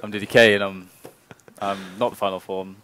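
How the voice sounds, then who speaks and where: A man hosting and co-commentating a live esports match, with playful, quick banter over a headset mic. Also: lowish voice, level tone, pushed and bright, smooth, no echo.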